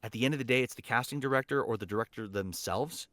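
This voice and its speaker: This podcast guest, a voice actor and teacher, talks fast at a medium pitch with a fairly bright tone. He gives emphatic, encouraging advice conversationally, leaning on repeated key phrases. The recording is dry.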